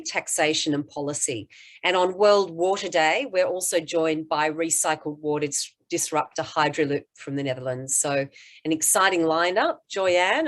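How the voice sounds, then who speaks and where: A woman hosting an event, giving an upbeat, scripted welcome back from a break. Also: low voice. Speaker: event host. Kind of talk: event introduction.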